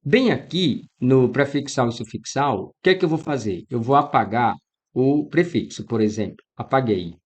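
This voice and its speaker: A man's voice: mid-range voice, moderate pace, slightly rough. A Brazilian man teaching an exam-prep grammar lesson, talking straight to his students and acting out their questions. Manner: lively, talks to students directly, acts out student questions. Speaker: Portuguese teacher.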